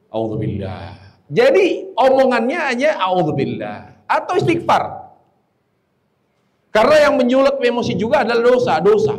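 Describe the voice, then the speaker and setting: A man preaching a lively sermon, joking and quizzing his audience. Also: high-pitched. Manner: joking, teasing the audience with questions. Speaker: Islamic preacher.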